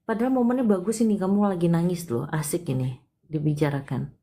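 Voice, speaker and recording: Chatty low-voiced woman reading palms. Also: fast, a little hiss or hum. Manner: chatty and expressive, with frequent exclamations. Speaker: palm reader hosting a live consultation. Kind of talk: casual live-stream reading.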